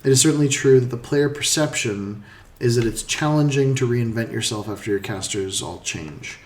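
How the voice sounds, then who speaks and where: A man in casual discussion, measured and deliberate, thinking aloud as he goes. His voice sits in a middle range and comes from some way off the microphone. Faint background noise runs under it. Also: medium pitch, roomy sound. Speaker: podcast guest co-host. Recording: distant mic with faint noise.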